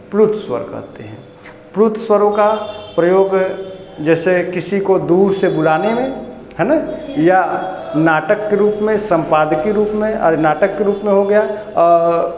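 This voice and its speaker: High-voiced male teacher in echoey room. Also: darkish tone. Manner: explains step by step, often asks students questions. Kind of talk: classroom grammar lesson. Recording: echoey room with faint noise.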